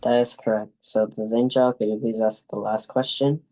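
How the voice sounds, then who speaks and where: A man's voice: fairly low pitch, steady tone, moderate pace, a little mellow, poor audio. A young man reading a prepared talk as a student presenter in a class.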